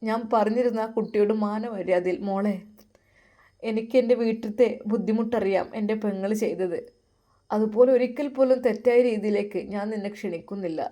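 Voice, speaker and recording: An earnest, resentful young man telling his mother what happened, as a woman storyteller voices him. The tone stays mellow, in a Malappuram Malayalam accent. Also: medium pitch, a little fast, close to an everyday voice. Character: hurt determined young man.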